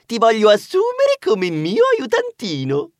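Fussy nosy mouse detective, voiced by a man: squeaky, bouncy, cutesy. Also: wildly swooping pitch, measured pace, no room sound, clean studio sound, full character voice. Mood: praising. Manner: squeaky, fond of cutesy diminutives.

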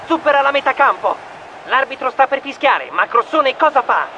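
A man voicing an excited male mouse football commentator in a storybook, in rapid sports-commentary style. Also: extremely high pitch, lo-fi sound, background noise, voice pushed up, heavily acted.

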